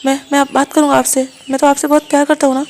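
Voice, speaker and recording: A woman voicing a gentle young man who reassures his partner in a soft manner. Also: high voice, little pitch movement, rapid-fire, a little hiss or hum. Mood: reassuring.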